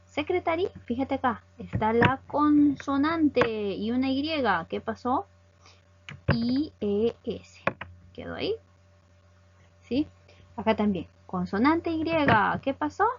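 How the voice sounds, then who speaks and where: A woman's voice: high voice, expressive, takes it slowly, a little hiss or hum. A woman teaching English grammar over slides, explaining patiently step by step and often checking understanding. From Peru. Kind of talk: recorded slide lesson. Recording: dull lo-fi audio.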